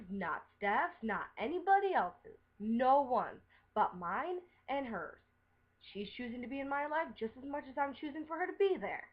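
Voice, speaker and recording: A woman's voice: a little high, lo-fi sound. A woman delivering an upset, defensive rant to her viewers, swearing as she talks. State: upset, recently crying. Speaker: vlogger. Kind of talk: emotional webcam rant.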